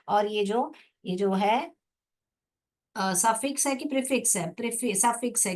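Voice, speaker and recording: A woman teacher, explaining a lesson slowly in Hindi, spelling words out syllable by syllable and asking the class questions that she answers herself. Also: on the high side.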